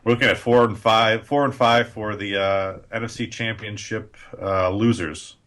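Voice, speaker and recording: A man's voice: lowish voice, fairly even intonation, normal speed, fairly bright tone. A man hosting a casual sports podcast, blunt and opinionated, steering the segments. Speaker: podcast host.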